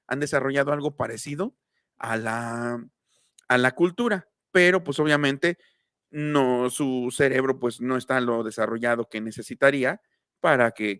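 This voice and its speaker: A man's voice: mid-range voice, a bit bright, dry recording, studio quality. A man giving a casual live-streamed phonetics lesson, chatting and greeting viewers as he explains. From Mexico. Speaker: linguistics teacher.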